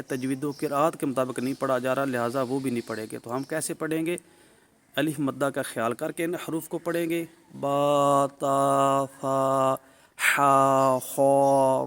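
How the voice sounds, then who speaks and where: In this recorded tajweed lesson, a man with a Pakistani Urdu accent and a mid-range voice lays things out step by step. He deliberately elongates letter sounds and keeps asking "ٹھیک ہے" to make sure the listener is following.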